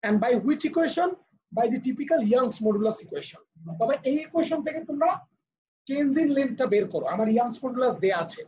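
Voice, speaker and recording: A man's voice: very high-pitched, expressive, a little slow, darkish tone, slight background noise. Man, Bangladeshi accent, physics teacher, patient explainer, muffled video call audio. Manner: patient, explaining step by step, switching to English for terms. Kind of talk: live online lecture. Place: online live class.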